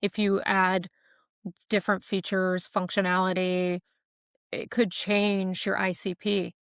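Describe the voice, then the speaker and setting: A woman podcast guest talking casually, explaining ideas with quick made-up examples. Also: medium pitch, flat delivery, clear, resonant tone, dry recording, clean studio sound. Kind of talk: casual interview talk.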